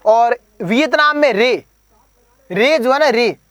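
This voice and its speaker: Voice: medium pitch, animated, slow pace, a bit bright, no echo. Exam coach, drills terms over and over, quizzes the class, plays with memory tricks, dry close sound. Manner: uses playful memory tricks. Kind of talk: exam prep lecture.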